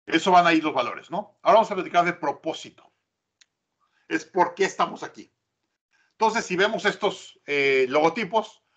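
A Mexican man leads a business workshop, his voice slightly husky and pitched a bit high. He talks in an animated way, full of stories and rhetorical questions. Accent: Mexican Spanish. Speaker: workshop speaker.

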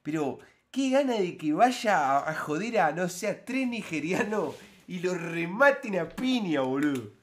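A man's voice: high-pitched, sing-song, measured pace, hardly any pauses. A man with an Argentine Spanish accent, a streamer giving indignant, colloquial commentary while reacting to a video. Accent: Argentine (Rioplatense) Spanish.

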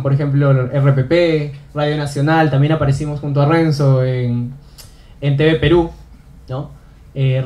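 A man's voice: on the high side, a little mellow. A young man giving an earnest motivational talk on stage, repeating phrases for emphasis. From Peru. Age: young adult. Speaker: student speaker. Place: auditorium stage.

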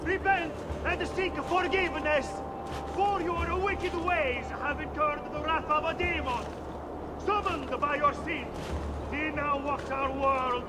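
High-pitched fanatical preacher crying out. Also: male voice, fairly even intonation, heavy background noise. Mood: accusing, zealous. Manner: declamatory, zealous, drawn-out oratory. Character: fanatical male preacher crying doom to townspeople. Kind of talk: town crier style public proclamation, fiery sermon.

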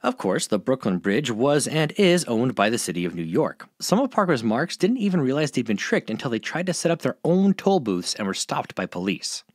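A man's voice: normal speed, hardly any pauses, no echo, clean studio sound. A man narrating a scripted history explainer in a playful, storytelling manner. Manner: playful, highly animated storytelling with wide pitch swings. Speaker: host of a history fact channel.

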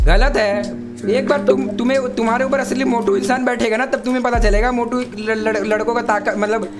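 A man's voice: very high voice, steady tone, brisk. A man streaming a mobile shooter game, bantering with mock anger and laughter. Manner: mock-angry, teasing, laughing. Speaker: gaming streamer. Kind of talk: casual banter while gaming. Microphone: headset on voice call. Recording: game music behind.

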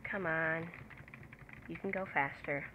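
A young-sounding woman with a slightly low voice chats and mutters to herself while she plays, her voice soft and close on the mic. The sound is dull and lo-fi. A faint hiss runs underneath. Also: takes it slowly. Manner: chatty, talks to herself while playing, quiet and close to the mic. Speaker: gaming video creator. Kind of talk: casual gameplay commentary. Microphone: desk mic close to the face.

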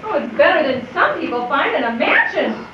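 A woman's voice: sits high, sing-song, normal speed. A young woman playing a shy but proud, stubborn girl of marrying age in a stage play, earnest and emphatic. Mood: defiant. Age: young adult. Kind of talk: live stage play acting. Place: theatre in the round, far camera. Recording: muffled, noisy camcorder, echoey theatre, distant.

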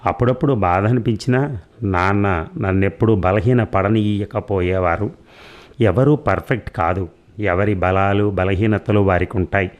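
A man reading an audiobook story aloud in a measured, even storytelling manner. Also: on the low side, highs cut off. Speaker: audiobook narrator. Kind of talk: scripted audiobook narration.

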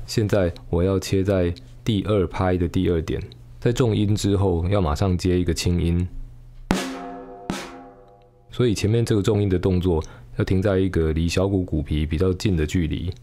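A man teaching drums, calmly explaining technique step by step. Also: sits low. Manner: calm, patient, step-by-step explaining. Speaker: drum teacher. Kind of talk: instructional explanation. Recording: faint drum music in background. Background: drum kit playing.

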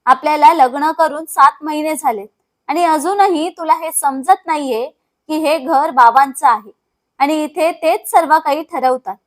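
A young husband brushes others off with harsh contempt, read by a woman narrator. She voices him with little change from her own high tone. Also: fairly bright tone. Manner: dismissive, harsh. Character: young man, dismissive bullying husband.

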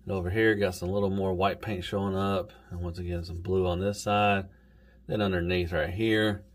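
Man, Southern US accent, lowish voice, casual toy review, rambling, folksy. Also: level tone, normal speed. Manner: easygoing, rambling, says "golly" and "y'all".

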